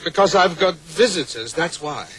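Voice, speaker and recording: An actor playing a bumbling, kindly wizard in a TV comedy special, flustered and hesitant. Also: male voice, a little high, animated, normal speed, background noise, close to an everyday voice.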